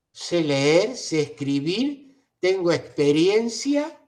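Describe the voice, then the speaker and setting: A man's voice: a little high, darkish tone, full character voice. A man voicing a proud older man who firmly corrects people who talk down to him. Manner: firm, indignant corrections.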